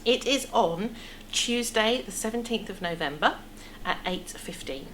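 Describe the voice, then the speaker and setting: A woman's voice: mid-range voice, expressive, measured pace, fairly bright tone. A middle-aged woman with an English accent, explaining things chattily in a casual interview. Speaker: theatre producer being interviewed. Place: indoor theatre foyer cafe seating area. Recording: clear background room noise.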